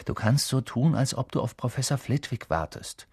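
A man's voice: medium pitch, expressive, moderate pace, slightly rough, no room sound, pitched above the performer's own voice. Male narrator as an offhand teen schoolboy, drawling, casual, storybook audiobook. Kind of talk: audiobook character voice.

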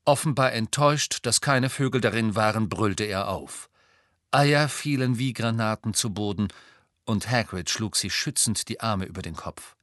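A man reading an audiobook as narrator, telling the story in a lively, expressive way. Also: fairly low pitch, normal speed, no echo, clean studio sound. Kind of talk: scripted narration.

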